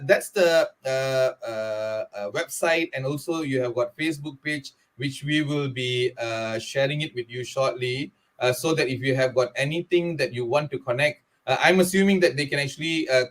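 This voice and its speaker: A man with a Malaysian English accent hosting a live online interview show over a video call, pausing often on drawn-out "uh" fillers. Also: medium pitch. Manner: hesitant, many drawn-out "uh" fillers. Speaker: host.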